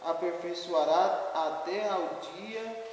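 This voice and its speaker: A man with a high voice reads scripture slowly and deliberately. He sounds far from the mic in a very echoey hall with long reverb. Faint noise sits underneath. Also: a little mellow. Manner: slow, deliberate reading. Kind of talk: reading scripture aloud.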